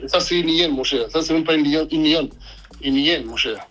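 A man's voice: a little high, fairly quick, fairly bright tone. A man in casual chat, talking emphatically and repeating his phrases. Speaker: podcast co-host.

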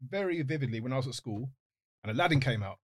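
A man's voice: mid-range voice, animated, quick pace, dry recording. A man chatting casually and explaining, repeating words as he forms his thoughts. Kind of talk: casual chat.

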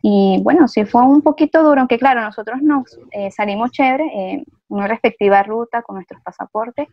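A woman, an interview guest, telling her story in a reflective, measured way. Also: a little high, no echo. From Venezuela. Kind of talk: conversational interview. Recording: dry, dull lo-fi sound.

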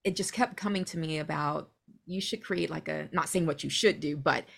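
A woman's voice: low voice, normal speed, vocal fry, a bit bright, slightly rough. A woman hosting a casual podcast conversation, supportive and thinking aloud with many restarts. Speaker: podcast host.

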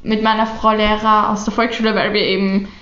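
A woman's voice: medium pitch, level tone, fairly quick, pushed and bright. A teenage girl with an Austrian German accent, telling school stories in a casual podcast chat and laughing often. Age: teens. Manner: laughs a lot, quotes teachers. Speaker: podcast co-host. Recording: echoey room, dull lo-fi sound.

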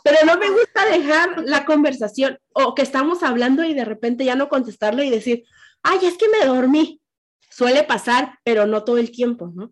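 Chatty Mexican woman, fairly high voice. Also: brisk, hardly any pauses. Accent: Mexican Spanish. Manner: animated, chatty, lots of fillers and quoted asides. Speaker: podcast host. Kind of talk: casual chat.

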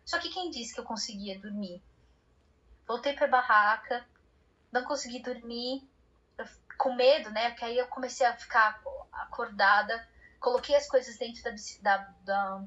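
A woman, a cycle traveler telling a story as an interview guest, animated and often restarting her sentences. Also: fairly high pitch, normal speed, muffled recording. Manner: animated, many restarts, acts out her own past words.

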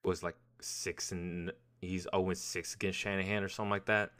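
A man talks football on a casual podcast in a lowish, bright, forward voice. He rambles and trips over his phrases, doubling back often. His delivery stays loose and conversational. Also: little pitch movement, moderate pace, clear, resonant tone. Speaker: podcast co-host. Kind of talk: casual sports podcast chat.

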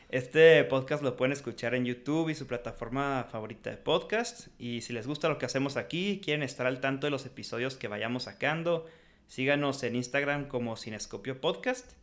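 Speaking at a moderate pace in a medium-pitched, somewhat bright voice, a man with a Mexican Spanish accent co-hosts a podcast. He reviews a film casually, frankly, and with slang, laughing a lot.

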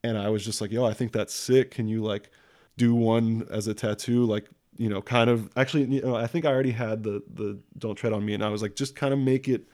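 A man's voice: on the low side, fairly even intonation, brisk, darkish tone, no room sound, clean studio sound. A young man telling stories in a casual chat, rambling and slangy, packing every sentence with fillers and swearing. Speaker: guest telling tattoo stories.

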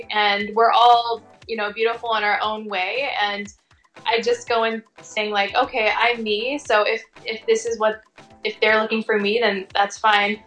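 Speaking informally as an interview guest, this Tongan American fashion and commercial model has a somewhat high, slightly bright voice. Her talk is casual and full of "like" and "you know."

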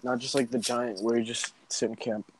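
A man's voice: mid-range voice, flat delivery, normal speed. A young man with a mid-range voice banters playfully with his friends as they play a game together. A faint hiss and the clicking of keys sit under his voice on the home mic. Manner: playful, laughs often, teasing. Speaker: gamer. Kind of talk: casual gaming chat with friends.

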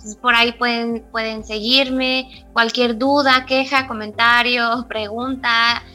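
A woman's voice: a little high, flat delivery, unhurried, bright, forceful tone, soft background music. A young woman from northern Mexico, an actress, speaking as a guest in a casual interview and giving direct, encouraging advice. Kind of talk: casual video-call interview.

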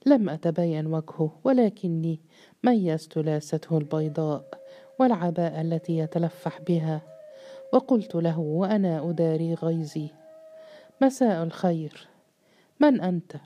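A woman narrating a literary novel in a measured, even storytelling manner. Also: low-pitched, faint music behind. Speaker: audiobook narrator.

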